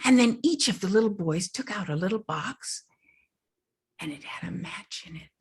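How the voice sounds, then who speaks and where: An older woman storyteller performing a folktale with dramatic, hushed whispers and slow emphasis. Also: medium pitch, animated, husky. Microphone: stage mic.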